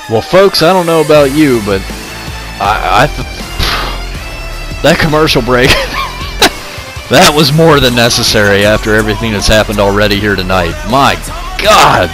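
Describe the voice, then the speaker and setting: A man doing excitable, mock-broadcast wrestling play-by-play over a video game, shouting at the big moments and talking to the viewers as folks. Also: medium pitch, moderate pace, music in the background. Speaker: gaming video creator.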